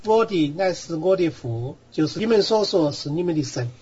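A man reading scripture aloud in a steady, measured way. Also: a little high, a little hiss or hum. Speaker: guest reader. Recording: dull lo-fi recording.

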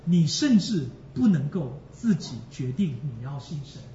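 A man's voice: on the high side, very animated, a little slow, mellow, a little hiss or hum. A man preaching a sermon with emotion, repeating phrases for emphasis and speaking straight to the congregation. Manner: addresses the congregation directly. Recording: echoey, distant, dull sound.

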